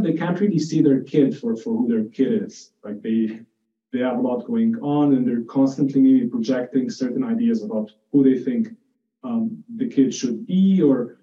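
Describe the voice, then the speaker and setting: A psychiatry lecturer from Jordan gives an informal, conversational talk, illustrating ideas with personal anecdotes and frequently restarting his phrases. His voice is mellow and medium in pitch. The audio is muffled and echoey, picked up by a distant mic.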